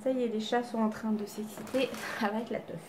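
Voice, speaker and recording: Chatty woman, higher voice. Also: fairly even intonation, a little fast, very noisy. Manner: chatty, self-deprecating, full of fillers and restarts. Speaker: beauty vlogger. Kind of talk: casual haul chat to camera. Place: home with cats around.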